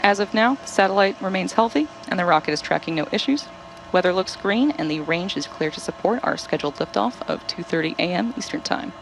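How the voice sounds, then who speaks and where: Woman, live technical commentary, slightly low voice, creaky edge, faint background noise. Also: animated, brisk, rough recording. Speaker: launch webcast host.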